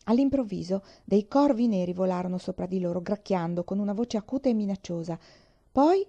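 A woman reading a children's storybook aloud, gentle and expressive. Her voice is warm and mellow with a gravelly edge, and the recording sounds dull and lo-fi. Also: medium pitch, fairly quick. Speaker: audiobook reader.

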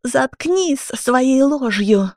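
A woman's voice: lively intonation, slow, a little mellow, no room sound, studio quality, full character voice. A woman voicing an unhinged, furious pregnant young woman who screams and mocks in an audiobook. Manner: shrill, screaming, mocking.

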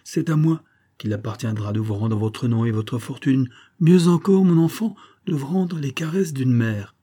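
A man voicing a smooth, scheming middle-aged army major with a coaxing, honeyed manner. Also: mid-range voice, moderate pace, dark tone, voice pushed up, lightly acted. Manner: coaxing, honeyed, then contemptuous.

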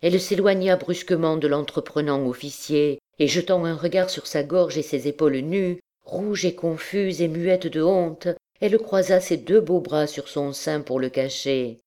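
A woman reading a classic novel aloud as an audiobook narrator, in a measured, expressive way. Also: deep voice. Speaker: audiobook reader. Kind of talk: scripted narration.

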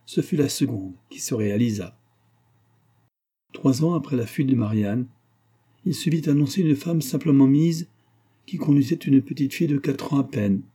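A man reading a classic novel aloud as an audiobook, in a measured, steady literary narration. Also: mid-range voice, breathy edge. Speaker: audiobook reader.

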